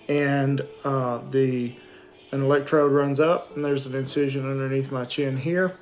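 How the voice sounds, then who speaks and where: A man in his forties giving a casual, matter-of-fact video diary, speaking haltingly with a sore throat and a swollen, numb lip and jaw. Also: mid-range voice. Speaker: vlogger giving a post-surgery recovery update. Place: small indoor room at home with shelves. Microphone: phone or webcam at arm's length.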